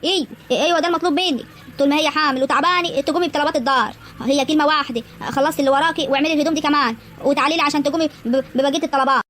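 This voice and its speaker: A woman's voice: sits high, racing, a bit bright, a little hiss or hum. A woman voicing a stern old village grandmother in a cartoon, firmly scolding and praying. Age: older. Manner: scolding, firm.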